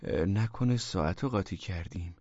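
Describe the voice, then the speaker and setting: A man's voice: deep voice, slightly rough, dry recording, dull audio. A man doing a meek, hesitant thin man. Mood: apologetic. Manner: soft, hesitant.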